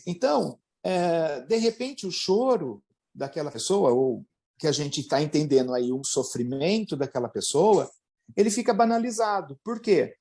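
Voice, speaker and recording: A man's voice: fairly high pitch, lively intonation, moderate pace, warm tone. A man, a psychologist answering interview questions and explaining at length, often ending phrases with tag questions and acting out everyday quotes. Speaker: psychologist guest.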